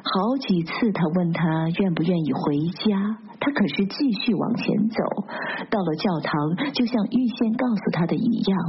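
A woman narrating a literary novel aloud in a steady, measured storytelling manner. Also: lowish voice, a little hiss or hum. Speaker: audiobook narrator. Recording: dull lo-fi recording.

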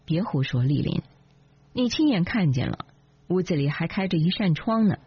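一位女性朗读者压低嗓音，扮演一个认真又不服气、急于辩解的年轻丈夫，声音略带沙哑。. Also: female voice, fairly low pitch, big pitch swings, normal speed, husky, dry recording, heavily acted. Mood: defensive. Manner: indignant, earnest. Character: defensive earnest young husband. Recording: dull lo-fi, dry.

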